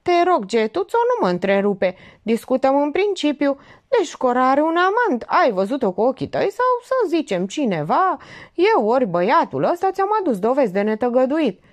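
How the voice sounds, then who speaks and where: A woman's voice: high-pitched, very animated, pitched above the performer's own voice. A woman doing a pompous old notary. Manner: pompous, theatrical, drawn-out emphasis. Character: pompous older male notary, theatrical uncle.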